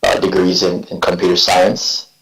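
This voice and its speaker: A man in his forties from Jamaica, speaking with a Jamaican accent, telling his story as a guest poet in a reflective, halting way. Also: low-pitched, completely flat delivery, a bit bright. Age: 40s. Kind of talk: relaxed interview talk. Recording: echoey room.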